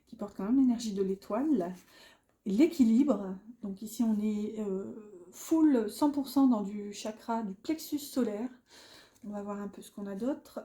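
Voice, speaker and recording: A woman's voice: on the high side, mellow, reverberant. A woman from northern France with a northern French accent, giving a rambling, hesitant tarot card reading. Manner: rambling and hesitant, many fillers. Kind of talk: casual spoken card reading.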